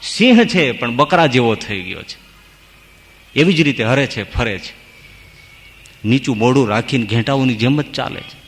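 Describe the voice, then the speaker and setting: Animated monk preaching in a hall. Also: male voice, mid-range voice, moderate pace, pauses often. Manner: animated storyteller, chanting rhymes. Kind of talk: devotional sermon with storytelling.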